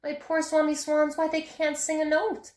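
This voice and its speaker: A woman's voice: high voice, monotone, moderate pace, darkish tone, voice pushed up, close to an everyday voice. A woman doing a scolding little forest creature. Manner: scolding, indignant. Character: small grumpy male forest creature scolding. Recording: echoey room.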